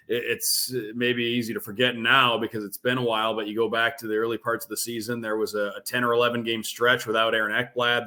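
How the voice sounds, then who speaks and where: A play-by-play broadcaster appearing as an interview guest, this man has a medium-pitched, bright, forceful voice. He delivers fluent, emphatic sports analysis, driving his points home through repetition.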